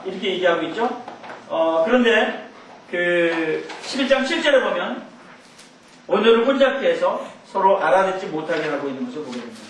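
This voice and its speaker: A man's voice: high voice, distant mic, a little hiss or hum. A middle-aged man teaching a Bible class in a church hall, in a conversational way with rambling asides. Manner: conversational, rambling asides with chuckles and mimicked shouts. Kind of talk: Bible lecture.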